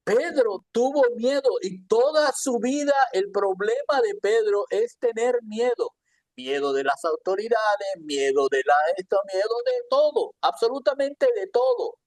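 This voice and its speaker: A man's voice: high-pitched, animated, measured pace, a little mellow, no room sound. A man teaching a Bible lesson in a conversational sermon style, often asking his listeners questions. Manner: conversational, asks the audience questions.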